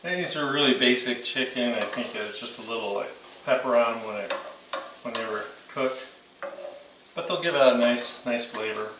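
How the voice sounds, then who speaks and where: A roomy, slightly distant recording of a man in his sixties in a home kitchen, with faint noise around him. He talks casually and off the cuff as he cooks, in a mid-pitched voice, like a host walking viewers through a recipe. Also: normal speed. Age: 60s. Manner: informal, unscripted, talking while cooking. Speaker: home cooking channel host. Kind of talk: casual cooking demonstration. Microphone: camera a few meters away.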